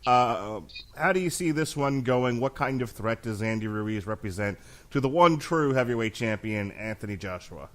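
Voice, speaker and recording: A man's voice: medium pitch, animated, normal speed. A man with a mid-range voice hosts a boxing talk show. He speaks casually and jokingly, slipping into mock-formal flourishes as he steers his co-hosts. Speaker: host of a boxing commentary show.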